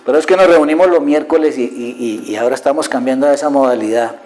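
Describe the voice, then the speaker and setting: A man's voice: mid-range voice, fast talker, a little mellow, low-quality recording. A middle-aged man preaching with passion, posing rhetorical questions and dropping from a raised voice to a near-whisper. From Colombia. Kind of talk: sermon.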